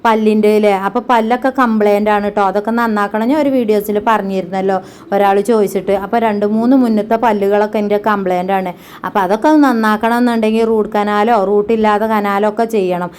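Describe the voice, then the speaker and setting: A woman's voice: mid-range voice, steady tone, fast talker, darkish tone, a little hiss or hum. A woman, chatting to her viewers in a casual family vlog as she narrates her housework. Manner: chatty, talks straight to viewers. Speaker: family vlogger.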